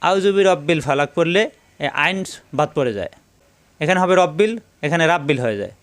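A man teaching recitation step by step, spelling out letters slowly and then chanting the verses in long, drawn-out tones. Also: on the high side, expressive.

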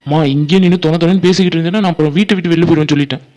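A man's voice: on the high side, steady tone, racing, a little mellow, close to an everyday voice. A man voicing a hurt young son who bitterly complains that his mother never believes him, in a homemade cartoon. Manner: bitter and exasperated.

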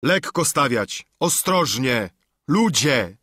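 A man's voice: medium pitch, expressive, normal speed, pushed and bright, no room sound, clean studio sound. A man reading an audiobook, voicing a stern, curt ship's captain who speaks in clipped commands.

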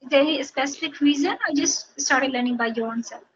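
On a video call, an English teacher from Bihar talks in a high, slightly fast voice with an Indian accent, Hindi being her native language. In this casual interview she explains things steadily, often repeating phrases as she thinks. The sound, captured through headphones in a small indoor room, is dull lo-fi call audio with faint noise.

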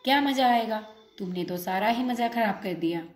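A woman voicing an irritable young male bird who is quick to anger, speaking in a snapping, sulky way. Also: mid-range voice, animated, echoey room. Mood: annoyed.

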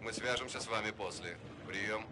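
Brief: calm shore radio operator, brisk procedural talk, heard over a far-off hissy radio link. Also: male voice, lowish voice. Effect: distant radio transmission. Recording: noisy, distant radio link.

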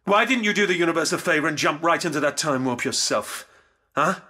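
A man's voice: on the high side, lively intonation, a little fast, bright, forceful tone. An actor playing a sarcastic, grief-stricken alien grandfather in an audio drama, intense and brooding. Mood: furious. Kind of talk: full-cast audio drama acting.

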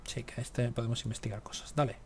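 Husky and quick, a man's mid-range voice keeps a fairly even intonation as he plays a strategy game for his YouTube let's-play. He grumbles to himself and curses at what happens in the game.

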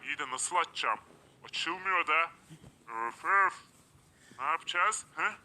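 A man's voice: a little high, moderate pace, bright, forceful tone. A man giving eager let's-play commentary, narrating each step aloud. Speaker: gameplay commentator.

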